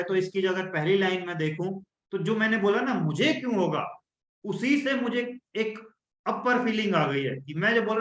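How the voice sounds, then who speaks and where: High-voiced animated male coach. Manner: animated, demonstrates tones by acting them out. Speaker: life coach leading an online workshop. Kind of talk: coaching session on a video call. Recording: echoey room, dull lo-fi sound.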